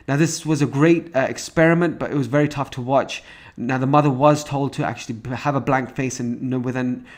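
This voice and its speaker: A parenting course instructor delivers a recorded lecture in a medium-pitched male voice. He explains things with frequent restarts and fillers, working through examples and stages one step at a time.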